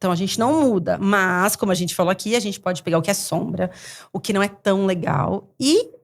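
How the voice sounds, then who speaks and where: A middle-aged woman psychologist explaining temperaments in a casual podcast chat, with animated delivery full of little acted quotes. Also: medium pitch, vocal fry. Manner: animated, talks in quick bursts with acted quotes. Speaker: psychologist guest.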